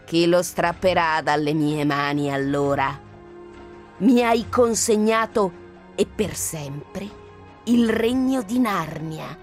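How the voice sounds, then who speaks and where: La Strega Bianca, beffarda e lenta. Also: female voice, lowish voice, slow pace, soft background music. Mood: gloating. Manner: mocking, venomous, triumphant. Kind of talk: radio drama reading.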